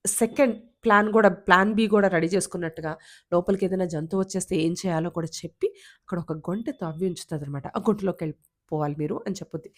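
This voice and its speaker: A woman storyteller with an animated, conversational delivery, narrating a folk tale for children. She rises and falls expressively with the action, then settles into earnest advice for parents. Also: medium pitch. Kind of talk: storytelling with moral talk.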